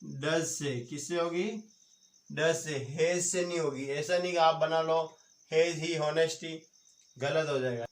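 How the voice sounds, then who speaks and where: A man's voice: a little high, fairly even intonation, slow. A man from India giving an online grammar lesson, quizzing viewers with repeated questions and answering them himself. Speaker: teacher. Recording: roomy echoey home recording.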